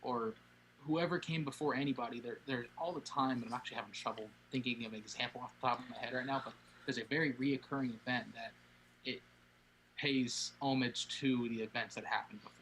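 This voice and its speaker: A young man co-hosting a casual fan podcast, excitable and slangy. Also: medium pitch, brisk, a little hiss or hum, low-quality recording. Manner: excitable, slangy, says dude a lot. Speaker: podcast co-host.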